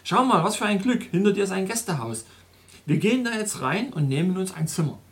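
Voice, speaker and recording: A steady, decisive young travel companion, as a man voices him in a spoken story, handing out practical advice in a somewhat high voice. He stays calm and firmly in charge, with no fuss. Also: fairly quick. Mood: resolute.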